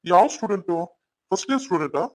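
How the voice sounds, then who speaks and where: A man voicing a middle-aged male college principal calling on the phone, brisk and businesslike. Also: high-pitched, lively intonation, a little mellow. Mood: concerned.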